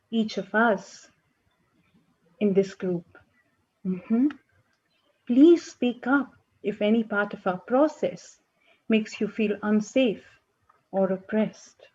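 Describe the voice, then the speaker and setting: A woman plays a calm counsellor leading a support group. She speaks in a gentle, measured way and often murmurs in agreement. Her voice is mellow, breathy and a bit high, and the audio is muffled.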